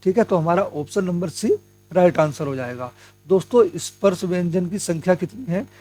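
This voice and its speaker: A young man with a fairly high voice runs an exam-prep grammar lesson, talking to his viewers as friends. He goes step by step, asks his own questions and answers them. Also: animated, moderate pace, darkish tone, soft background music. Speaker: Hindi grammar teacher.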